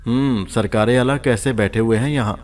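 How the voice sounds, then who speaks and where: A male narrator voicing a wealthy, gracious woman who is amused, coaxing and gently commanding, in a storybook reading. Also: medium pitch, close to an everyday voice. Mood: teasing.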